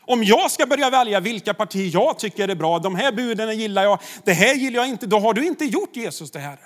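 A man's voice: high-pitched, expressive. A man, a pastor, preaching a sermon in a conversational way, with rhetorical questions to the congregation.

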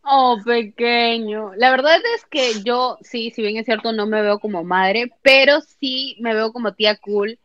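A woman's voice: a little high, moderate pace, hardly any pauses, a bit bright, no room sound. A young woman with a Peruvian Spanish accent co-hosting a podcast, telling self-mocking stories in casual chat. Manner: chatty, self-mocking storyteller. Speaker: podcast co-host. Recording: dull lo-fi dry mic.

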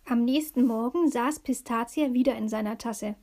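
A woman reading a children's story aloud in a calm, unhurried storytelling manner. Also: a little high. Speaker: narrator.

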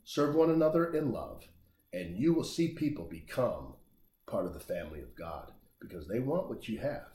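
A man preaching a sermon, emphatic and animated, rising and dropping his voice for effect. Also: on the low side, moderate pace, echoey room. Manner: animated, emphatic preaching with big swings in loudness.

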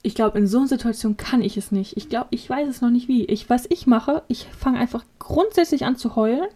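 A young woman telling stories in a relaxed podcast chat, her somewhat high voice jumping up and down as she acts out the people in them. She talks in loose everyday slang and tags her sentences with little questions. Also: brisk. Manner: animated storytelling, acting out quoted voices; colloquial, frequent "ne?" tags. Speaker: podcast co-host.

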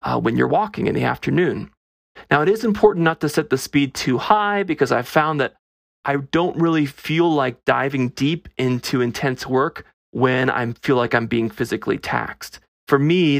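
A man's voice: mid-range voice, vocal fry, dry recording, studio quality. A man hosting a casual solo podcast, talking in a wry, conversational way, recorded on a phone microphone held up to his face. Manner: conversational, wry and self-deprecating. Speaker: podcast host.

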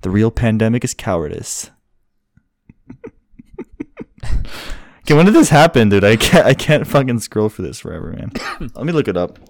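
A man's voice: mid-range voice, big pitch swings, normal speed, long pauses, no room sound, studio quality. A young man co-hosting a casual podcast chat, rambling, swearing often and laughing. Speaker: podcast co-host.

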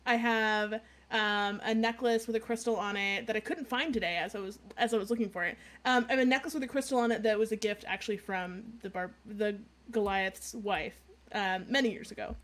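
A woman's voice: mid-range voice, steady tone, a little fast, a bit bright. A woman chatting casually about her tabletop role-playing habits, talkative and prone to tangents and laughter. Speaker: tabletop game player. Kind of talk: casual chat.

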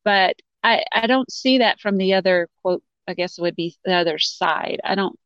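A woman's voice: mid-range voice, normal speed, a bit bright, clear, resonant tone, no room sound, highs cut off. A woman with a Southern Texan accent, a guest on a podcast, chatting in an easygoing way and laughing often. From Texas. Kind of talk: casual podcast chat.

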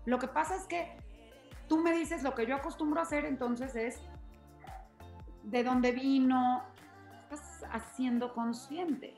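A woman's voice: sits high, fairly even intonation, a little slow, long pauses, a little mellow, roomy sound, soft background music. A woman host, explaining things earnestly and with emphasis in a conversational interview.

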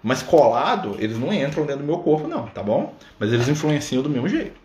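A man's voice: fairly high pitch, sing-song, fast, darkish tone. A man leading an informal religious study on a livestream. He talks conversationally and keeps checking in with his listeners. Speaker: spiritist study leader. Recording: echoey room with faint background noise.

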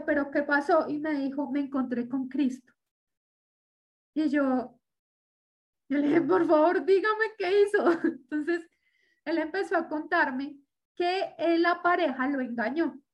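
A woman's voice: high-pitched, muffled recording. A woman sharing a personal religious testimony as an interview guest, telling a story and acting out what people said. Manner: storytelling with re-enacted quotes.

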